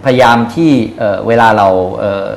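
A man in his thirties answering interview questions as a company guest, hesitant, often pausing and repeating words. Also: medium pitch, steady tone, gravelly, echoey room. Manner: hesitant, frequent filler pauses and repeated words. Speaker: company executive being interviewed. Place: small indoor showroom office. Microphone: lapel mic.

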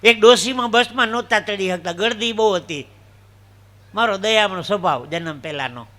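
A man tells stage jokes and folk stories, slipping into little voices for the people in them. His voice sits high for a man, and his tone is very bright and ringing. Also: normal speed. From Gujarat, India. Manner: animated joke telling with acted dialogue voices. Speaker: stand-up comedian. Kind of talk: live folk comedy storytelling.

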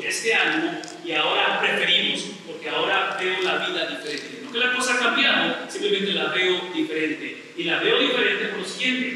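A middle-aged man preaches with a high, very sharp and forceful voice, pressing his points by repeating himself and tossing rhetorical questions to the room. He is heard from a distance in a strongly echoing church hall with a long reverb tail and faint background noise. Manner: emphatic, repeats phrases, asks rhetorical questions. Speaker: pastor. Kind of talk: sermon. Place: church sanctuary.

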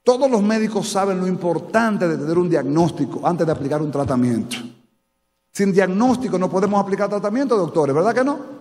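A man's voice: high-pitched, lively intonation, fairly quick, a little mellow. A Dominican man with a Dominican Spanish accent, preaching a sermon as pastor to a live congregation, asking them questions. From Dominican Republic. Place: church sanctuary. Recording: church hall reverb.

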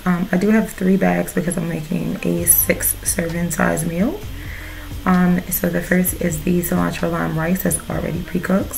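A woman's voice: on the low side, gravelly, darkish tone, rough recording. A woman in her thirties chatting casually on her home cooking vlog, with many fillers. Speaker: vlogger. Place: home living room, indoors.

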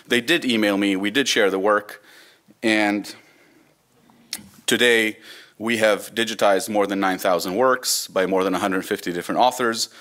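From the lectern of a conference room, a volunteer digital librarian in his thirties from Israel, who speaks Hebrew, offers a casual, wry talk mixed with stories. His voice is fairly bright and on the low side.

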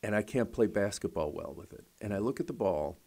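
Lower-voiced man hosting live radio. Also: expressive, a little fast, mellow. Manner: explains with everyday examples, tags points with "right?". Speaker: radio host. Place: radio studio.

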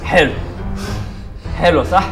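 A man's voice: takes it slowly, over music, close to an everyday voice. An actor playing a cocky young man who taunts and mocks a captive officer, speaking with an Egyptian accent in a sarcastic, mock-soothing way. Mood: taunting. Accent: Egyptian Arabic. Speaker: taunting captor.

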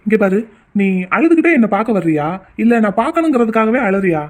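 A man voicing a gruff, stubborn middle-aged village husband in a cartoon, who scolds in quick, curt retorts. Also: high voice, big pitch swings. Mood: scolding. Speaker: cartoon character. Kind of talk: cartoon voice acting.

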